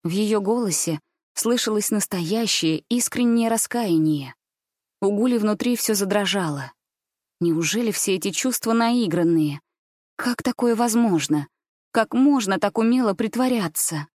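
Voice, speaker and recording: A woman reading a dark fairy tale aloud in a steady, measured storybook narration. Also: medium pitch, no echo, studio quality. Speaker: audiobook narrator.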